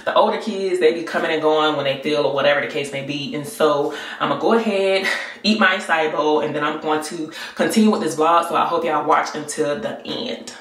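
A woman's voice: deep voice, brisk. Chatty woman vlogging in a roomy space. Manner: chatty, storytelling, rambling asides. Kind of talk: casual vlog chat. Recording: roomy echo.

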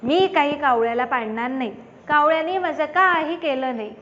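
A woman voicing a stubborn, unbothered male tree in a children's story, flat and dismissive. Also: high-pitched, moderate pace, dull audio.

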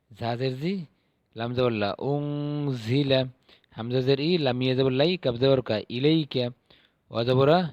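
A middle-aged man teaching Quran reading, patiently spelling out each syllable and then drawing out the recited words slowly. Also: medium pitch, darkish tone, no room sound, highs cut off.

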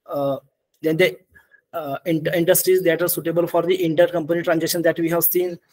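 An ERP consultant with an Indian accent presents a webinar from an indoor room on a video call, walking through software slides in a demonstration. His phrasing is halting and repetitive, and his voice is a little high with a level tone.

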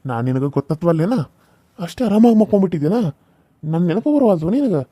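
A man's voice: high-pitched, big pitch swings, fast talker, warm tone, dry recording, studio quality. A man voicing a menacing, scorned young village man in a cartoon serial, taunting and threatening with mocking laughs. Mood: scheming.

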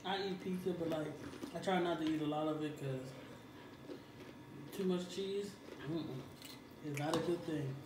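An American woman chats casually from a distance as a companion on an eating video. Her voice echoes in the room, and there is clear noise around it. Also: sits low, unhurried, pauses often. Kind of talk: casual chat.

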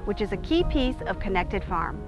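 A woman's voice: mid-range voice, very animated, normal speed, dull audio. Woman narrating over music. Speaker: reporter narrator. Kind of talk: scripted narration.

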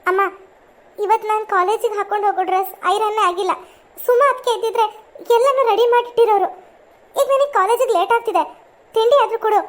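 A woman voicing a demanding college-going daughter in a family cartoon. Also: very high voice. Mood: impatient. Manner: demanding, hurried. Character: impatient college-going girl.

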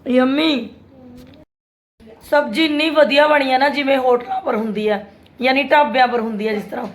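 High-pitched, hoarse Punjabi woman vlogger. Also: moderate pace. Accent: Indian Punjabi. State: sore, hoarse throat. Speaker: family vlogger. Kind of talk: casual chatty daily vlog.

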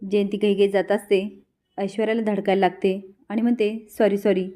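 A woman narrating an episode recap in a steady storytelling manner. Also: medium pitch, moderate pace.

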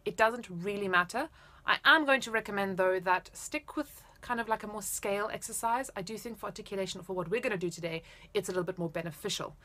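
A woman's voice: medium pitch, fast talker, bright, forceful tone. A woman in her thirties giving casual, explanatory and encouraging music instruction to camera. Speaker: flute teacher. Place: indoors, small room at home.

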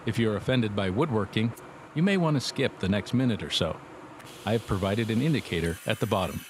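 A man's voice: on the low side, animated, brisk, background noise. A middle-aged man giving dry, matter-of-fact scripted narration for a metal workshop how-to, with wry asides. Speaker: metalworking instructor. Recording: voice-over with music bed.

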